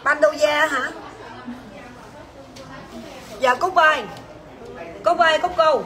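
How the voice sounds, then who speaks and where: Bright, high-voiced saleswoman. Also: slow pace, some chatter behind. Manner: chatty, bossy and teasing, calls out prices and staff names. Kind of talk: livestream sales pitch.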